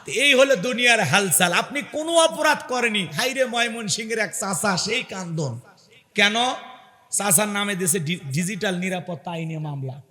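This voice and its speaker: A man preaching a fiery sermon at an outdoor gathering, calling on the crowd to answer and driving rhetorical questions through a loudspeaker microphone. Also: sits high, animated, normal speed. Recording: long echo of a loudspeaker.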